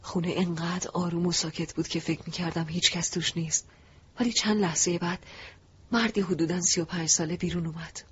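A man narrating a first-person audiobook in a soft, reflective, emotive way. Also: sits high, flat delivery, breathy edge. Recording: dull lo-fi recording.

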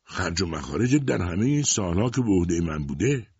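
A man doing a loud, scornful miserly father. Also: low voice, big pitch swings, slightly rough, no echo, dull audio, exaggerated voice. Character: stingy, domineering farmer father, middle-aged man.

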